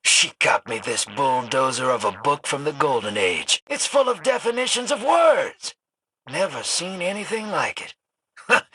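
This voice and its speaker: An actor playing a roguish, cynical drifter and gambler in a video game, with a rough voice and a folksy, teasing, slangy way of talking. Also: male voice, a little high, animated, unhurried, pushed and bright, poor audio. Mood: teasing, sly. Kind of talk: scripted video game dialogue.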